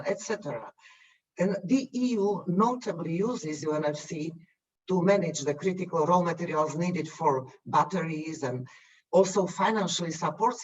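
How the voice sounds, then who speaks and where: Man speaking from far off, muffled. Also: a little high. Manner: measured, listing points one by one. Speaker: UN official panelist. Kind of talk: formal panel remarks. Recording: distant, muffled video call audio.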